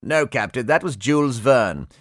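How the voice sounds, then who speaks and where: A man voicing a panicky, sarcastic male spaceship pilot with a high, fearful edge in an audiobook. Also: expressive, moderate pace, fairly bright tone, dry recording, studio quality. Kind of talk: audiobook character voice.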